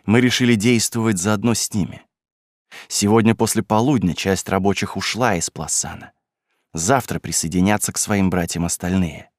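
Guy reading as a young rebel guy, hushed and earnest, lowish voice, dry sound. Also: steady tone, moderate pace, dry recording, natural voice. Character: young male revolutionary, earnest and tender.

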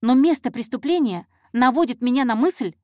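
A woman's voice: high-pitched, lively intonation, normal speed, darkish tone, no echo, studio quality, pitched above the performer's own voice. Woman voicing a flustered young intern reporter. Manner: hesitant, stumbling, fumbling for words. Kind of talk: audiobook character voice.

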